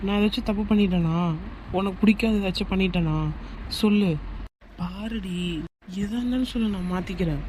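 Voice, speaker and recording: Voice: medium pitch, fairly quick, pauses often, a little mellow, a little hiss or hum, lightly acted. Someone voicing a heartbroken young man. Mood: pleading. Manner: pleading, insistent. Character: heartbroken young man, pleading and hot-tempered. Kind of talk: amateur cartoon voice acting.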